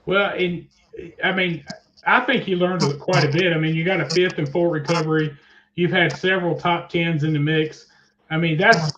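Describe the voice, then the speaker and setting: A man hosts a relaxed racing interview. His voice sits a little high and he talks in a chatty, folksy way. The audio is dull, with faint noise. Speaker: motorsport interview host. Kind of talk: casual interview, truck and tractor pull talk.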